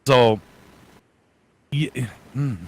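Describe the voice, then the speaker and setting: A man's voice: mid-range voice, fairly even intonation, drawn-out words, low-quality recording. Chatty man giving streaming advice. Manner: thinks out loud, talks in long run-on advice. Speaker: guest streamer. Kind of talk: casual panel chat.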